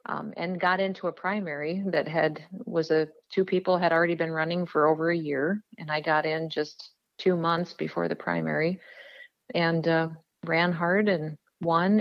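Low, flat-voiced middle-aged woman. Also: no room sound, highs cut off. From South Dakota, USA. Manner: earnest, plain-spoken, frequent "um"s. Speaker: guest, politician. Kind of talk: casual interview storytelling.

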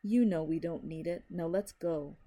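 A stern father, clipped and cold, speaking through clenched teeth, as a woman narrator puts him on. The tone stays mellow and low-key in an audiobook reading. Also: normal speed. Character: stern father, tense and curt.

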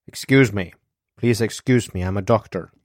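A gruff, vigorous doctor in his seventies, as a man puts him on in an audiobook, brisk and commanding. The voice rides higher than the narrator's own and sounds dry and close. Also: animated, no room sound. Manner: gruff and commanding, soft when coaxing. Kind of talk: audiobook character voice.

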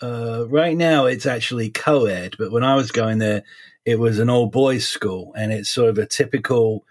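A man in his forties with a slight Essex English accent softened by American years, chatting casually as an interview guest in halting, repetitive phrasing. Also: medium pitch. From suburbs of London, England (Essex), then Florida from age 12. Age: 40s. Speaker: guest, criminal defense lawyer.

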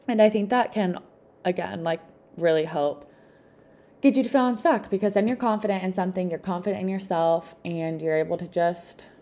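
Pitched fairly low and dark in tone, this young woman runs a self-help podcast. She keeps things informal and upbeat, offering encouraging, chatty advice while constantly dropping "like" as a filler.

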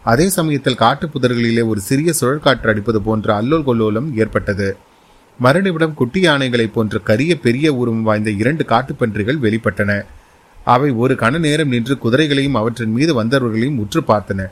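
Male audiobook narrator for a historical novel, steady and dramatic, middle pitch. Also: normal speed. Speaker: storyteller.

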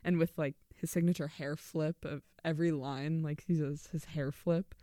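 A man's voice: fairly high pitch, steady tone, moderate pace, warm tone, no echo, studio quality. A man co-hosting a podcast, chatting enthusiastically about a film and giggling often. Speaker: podcast co-host. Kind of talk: casual film discussion.

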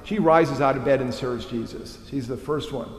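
A middle-aged man preaching a sermon as a pastor, animated and tossing in rhetorical questions. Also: medium pitch, moderate pace. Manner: animated, frequent rhetorical "right?". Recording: echoey hall with long reverb.

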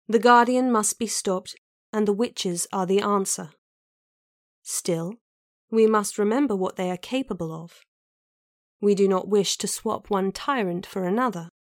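A woman voicing a cool, probing noblewoman who speaks in a measured, deliberate way. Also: medium pitch, no room sound, studio quality, natural voice. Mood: soothing. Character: cool, probing noblewoman, middle-aged, unrelenting. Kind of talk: audiobook character reading.

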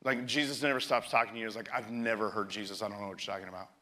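A man's voice: fairly low pitch, fairly even intonation, very fast, pushed and bright. A man preaching a sermon as a pastor, telling stories and often restarting his phrases.

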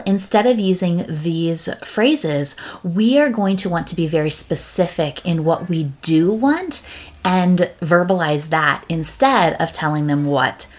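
Slow, low-voiced woman podcast host. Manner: upbeat, with quick acted-out quotes of parents and kids. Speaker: podcast host, parent coach. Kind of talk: casual podcast talk.

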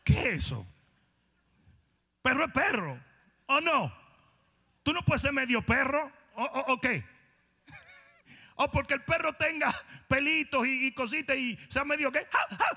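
A man's voice: very high-pitched, expressive, moderate pace, creaky, bright, forceful tone, long reverb tail. A man pastor preaching a sermon in a challenging, confrontational way.

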